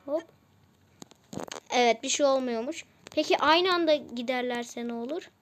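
High-voiced woman chatting over a mobile game. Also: normal speed, a little hiss or hum. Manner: chatty, often exasperated, repeats lines. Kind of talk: casual gameplay commentary.

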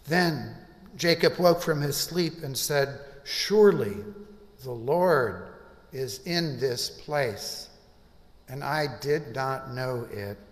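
An older man preaching a sermon from a pulpit, slow and measured with deliberate pauses. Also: medium pitch. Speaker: pastor. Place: church sanctuary, at a pulpit. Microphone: pulpit microphone. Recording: reverberant church hall.

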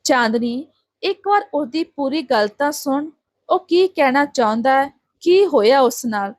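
A fair-minded village husband who reasons calmly and firmly. A woman reads him in her own high voice. The recording is close and dry. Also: unhurried, no echo. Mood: reasoning. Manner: reasoning, stern when needed.

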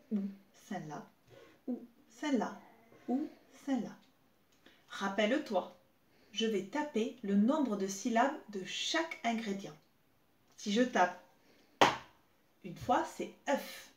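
A woman in her thirties teaching young children remotely, spelling out syllables slowly and clearly as she claps. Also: fairly high pitch. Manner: slow, clear, exaggerated syllable clapping. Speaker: preschool teacher. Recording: echoey room with faint noise.

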